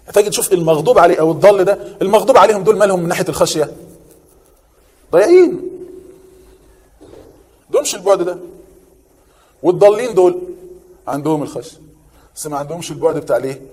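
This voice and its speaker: High with a breathy edge, this Egyptian Arabic-accented man's voice fills a big room as he preaches an animated sermon. He keeps putting questions to his listeners and answering them himself.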